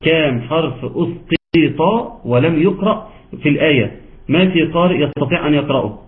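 A man's voice: a little high, expressive, a little fast. A man with an Egyptian accent teaching Quran recitation in an online class, asking students questions and teasing them patiently. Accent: Egyptian Arabic. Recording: tinny phone-like call audio.

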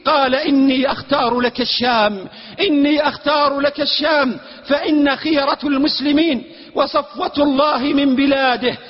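A man preaching a sermon with passion, at times chanting and shouting. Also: extremely high pitch, fairly even intonation, normal speed. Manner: impassioned, with chanted and shouted passages. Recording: reverberant hall, dull lo-fi sound.

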